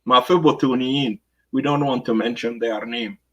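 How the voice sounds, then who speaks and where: A man's voice: medium pitch, fairly even intonation, measured pace, slightly rough, low-quality recording. South Sudanese man giving commentary. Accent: South Sudanese Arabic. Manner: mixes Arabic with English phrases; hesitant, many fillers. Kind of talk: political commentary.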